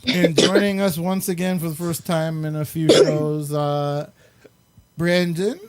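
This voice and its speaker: A man hosts a live online show over a computer mic on a video call, his voice on the high side with a flat delivery and a measured pace. He chats casually, laughs often and leans on lots of fillers.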